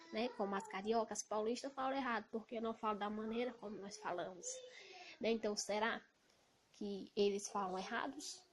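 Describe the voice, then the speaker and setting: A woman from Ceará with a Cearense Brazilian accent, talking loudly and emphatically in an indignant casual monologue to camera. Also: a little high. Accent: Cearense Brazilian Portuguese. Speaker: evangelical vlogger. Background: noisy children.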